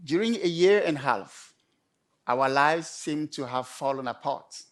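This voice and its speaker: A man delivering a prepared storytelling talk in measured, emphatic short phrases with pauses. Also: a little high, expressive. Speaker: conference speaker.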